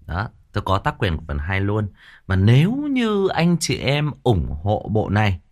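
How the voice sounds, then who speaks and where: A man's voice: fairly low pitch, wildly swooping pitch, normal speed, a little mellow. A man hosting a story channel, talking casually about a story to his viewers, rambling and often repeating words as he searches for the next one. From Vietnam. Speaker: audiobook narrator and channel host. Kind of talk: casual livestream commentary.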